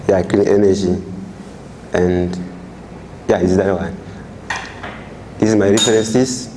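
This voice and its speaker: A young man with a Burundian accent giving a halting classroom presentation as an international student, searching for words. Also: deep voice, fairly even intonation, background noise.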